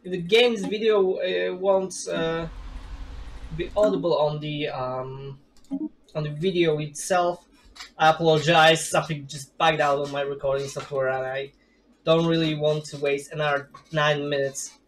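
In a low-quality recording with a faint hiss or hum, a man in his thirties streams a strategy game from his gaming chair at home, giving casual let's play commentary. His fairly high voice stays steady and measured as he rambles, chats, pokes fun at himself, and laughs a lot.

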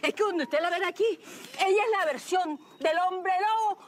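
An actress playing a bossy, hot-tempered bank manager with a Colombian accent who shouts and scolds. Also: female voice, extremely high pitch, moderate pace, slight background noise. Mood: furious. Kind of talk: comedy film acting.

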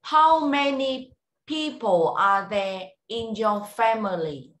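A woman teaching English over a video call, giving a speaking test and prompting slowly and clearly with encouragement. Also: a little high, fairly bright tone. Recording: roomy echo.

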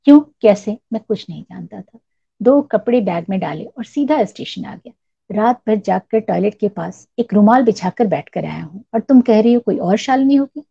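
Storybook role: a shy earnest young man, read by a woman, husky warm tone, dull lo-fi sound. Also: medium pitch, animated, normal speed, exaggerated voice. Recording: dull lo-fi recording.

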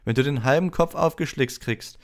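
A man voicing an arrogant, mocking schoolboy bully with a loud, cutting delivery in an audiobook reading. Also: mid-range voice, moderate pace, voice pushed up, natural voice. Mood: sneering.

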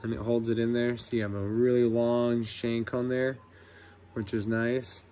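A young man, an electrician apprentice, showing his tools in a casual vlog, relaxed and cussing freely with lots of ums. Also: mid-range voice, measured pace, slight background noise. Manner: laid-back, swears a lot, many ums. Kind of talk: casual tool review vlog.

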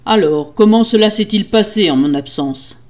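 A man's voice: high voice, expressive, normal speed. A woman growling as a murderous nobleman. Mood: menacing. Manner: growling, roaring threats. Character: cruel menacing nobleman husband, murderous. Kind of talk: storybook reading.

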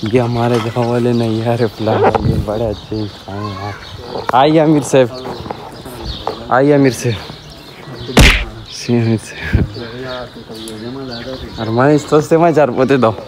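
This twenty-something vlogger tours a house and yard for his viewers, outdoors on a rooftop and in a village yard, habitually ending sentences with "na" as he points things out. He speaks at a measured pace with frequent pauses, in a steady, medium-pitched voice. His arm's-length phone captures birds and other outdoor sounds.

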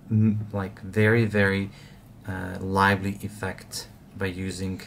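Low-voiced man explaining fly tying. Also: creaky, slight background noise. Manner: relaxed, explanatory, frequent uh fillers. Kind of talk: step-by-step tutorial narration.

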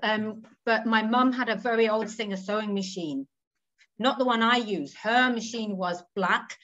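A woman's voice: medium pitch, normal speed, fairly bright tone. A woman, chatting thoughtfully as an interview guest over a video call. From England. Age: 40s. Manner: chatty, thoughtful, trailing asides with tag questions. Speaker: guest textile artist. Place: home room with green walls. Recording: slightly dull video-call audio.

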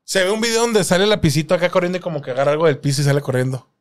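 A man's voice: a little high, very fast. A young man with a Mexican accent, co-hosting a podcast in casual, crude, slang-heavy banter. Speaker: podcast co-host. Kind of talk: casual chat.

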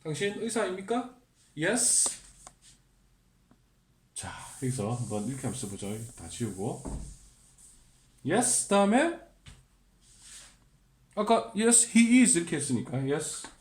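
A male teacher walks beginners through simple grammar, pausing to ask the listener questions and repeating example sentences slowly and deliberately. His voice sits a little high and moves in a lively way. The sound is roomy and echoey. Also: slight background noise. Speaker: English teacher.

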